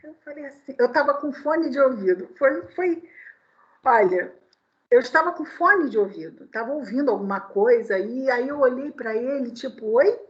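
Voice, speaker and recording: Animated woman giving a spiritist talk. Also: sits high, moderate pace. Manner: animated storyteller, full of rhetorical questions. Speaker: lecturer at a spiritist meeting. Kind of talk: sermon-style talk with personal anecdotes. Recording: dull lo-fi recording.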